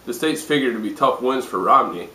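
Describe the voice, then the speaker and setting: A roomy, distant recording of a man acting as a jaded parody news anchor. He is hungover and sardonic, reading the news deadpan in a mid-pitched voice. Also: fairly quick. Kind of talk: parody newscast. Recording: roomy echo, distant microphone.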